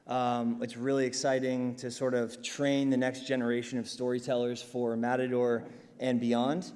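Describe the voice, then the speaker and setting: A man's voice: medium pitch, monotone, moderate pace, darkish tone. A man moderating a conference panel, upbeat and chatty, with many ums and uhs. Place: large conference hall. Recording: long hall reverb.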